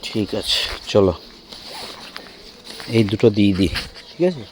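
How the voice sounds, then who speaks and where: A man's voice: on the low side, expressive, unhurried, darkish tone, a little hiss or hum. A man, chatting to camera and family in a casual outdoor village vlog. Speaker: family vlogger.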